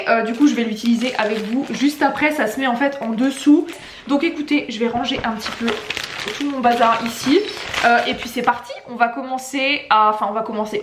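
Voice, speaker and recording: High-voiced chatty woman vlogger in echoey room. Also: a little hiss or hum. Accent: French. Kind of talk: casual chatty studio vlog. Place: indoors at home.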